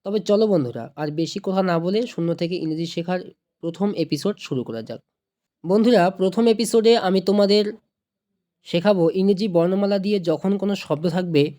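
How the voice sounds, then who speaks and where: Patient online tutor with a soft, warm tone who talks to viewers like friends and repeats each point. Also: medium pitch, normal speed. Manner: patient, repeats and checks understanding; addresses viewers warmly as friends. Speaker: online English teacher. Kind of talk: explanatory video lesson.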